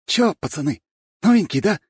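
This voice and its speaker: A cute young wannabe street tough. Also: male voice, sits high, lively intonation, normal speed, darkish tone, breathy edge, no room sound, clean studio sound, pitched above the performer's own voice, heavily acted. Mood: mock tough. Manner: slangy, mock-threatening.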